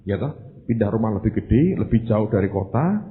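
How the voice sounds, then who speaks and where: A male pastor telling a story in a sermon, a lively delivery that jumps into loud, high voices. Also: normal speed. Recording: phone-like hall recording with faint noise.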